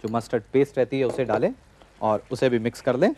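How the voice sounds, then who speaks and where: A man in his forties hosting a TV cooking show, calmly explaining a recipe step by step from a studio kitchen set. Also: medium pitch, fast, slight background noise. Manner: calm step-by-step instructing. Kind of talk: cooking demonstration.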